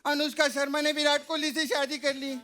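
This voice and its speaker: A man's voice: extremely high pitch, level tone, brisk. A man in a stage comedy sketch playing a cheeky schoolboy, teasing and childlike. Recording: studio audience, loud stage noise.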